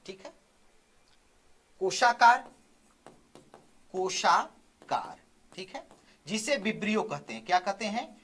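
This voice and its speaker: A male teacher giving an exam-prep biology lecture. He asks questions and answers them himself, repeats key terms slowly, and keeps checking in with "theek hai". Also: high-pitched, big pitch swings, a bit bright. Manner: drills by asking and answering his own questions.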